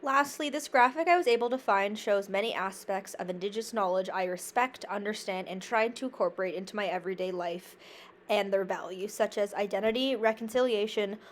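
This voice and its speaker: This earnest university student, a young Canadian woman, carefully reads her prepared class presentation a little fast. Her voice is medium in pitch, and she makes a few small slips and restarts.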